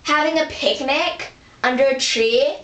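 A woman doing a slow, sleepy pig girl. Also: high-pitched, a bit bright. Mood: dreamy. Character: laid-back female pig contestant, sentimental. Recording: roomy distant home recording, faint hiss.

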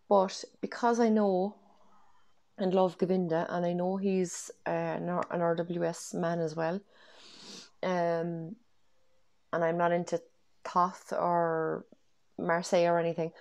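An Irish woman in her thirties, congested from a cold, reviews tarot decks in a casual home vlog from her bedroom, recorded on a wired earphone mic. Her voice is fairly low and darkish, and she chats enthusiastically with plenty of ums.

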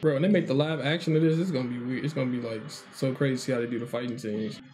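A man's voice: medium pitch, very fast, faint music behind. A man co-hosting an anime reaction, chatting casually and joking, often acting out bits in silly voices. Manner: animated, jokey, acts out lines in put-on voices.

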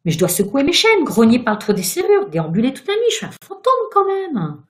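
A woman's voice: medium pitch, quick pace, mellow, close to an everyday voice. A woman voicing a gloomy, weary old male ghost in a storybook read aloud for children, theatrical and pleading. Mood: indignant. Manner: theatrical, wailing and sighing.

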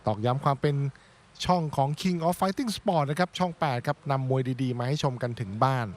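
A man's voice: fairly high pitch, moderate pace. A man co-commentating on a televised Muay Thai fight card, introducing the bouts and fighters.

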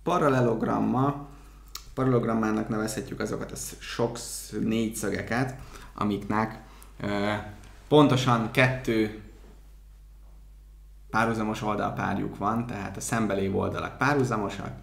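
A man's voice: lowish voice, steady tone, vocal fry, roomy sound. A man explaining math terms to exam students step by step, chatting with a co-host. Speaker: math tutor. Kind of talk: casual exam-prep explanation.

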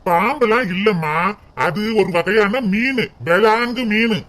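A man voicing a calm middle-aged village husband in a cartoon, with a southern Tamil accent and a matter-of-fact manner. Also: high-pitched, a little slow.

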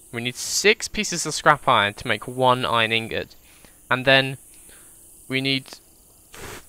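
Gamer guy narrating his survival run, bright tense voice, dry close mic, drops to whispers then yelps and swears. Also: mid-range voice, clear, resonant tone, no echo. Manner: whispers while sneaking, then loud startled outbursts and swearing. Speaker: gaming video host. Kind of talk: let's play commentary. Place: indoors at a desk with facecam.

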